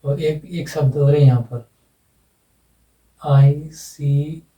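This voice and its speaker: Man, teacher, slow and deliberate, flat delivery, repeats and spells out words, echoey distant room. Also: on the high side. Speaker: English phonetics teacher. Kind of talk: blackboard lesson explanation.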